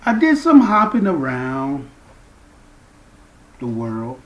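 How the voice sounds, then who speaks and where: A man speaks as the founder of a spiritual movement, addressing his viewers directly. His delivery is slow and deliberate, and his pitch swings widely as he leans hard into key words. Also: huge pitch swings, lo-fi sound. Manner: slow, emphatic preaching with big swings in pitch and loudness.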